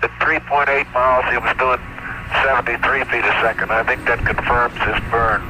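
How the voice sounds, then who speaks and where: A man speaking over a radio transmission from a spacecraft, calling mission control in calm, clipped radio procedure and repeating call signs. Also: mid-range voice, normal speed. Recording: noisy archival space radio.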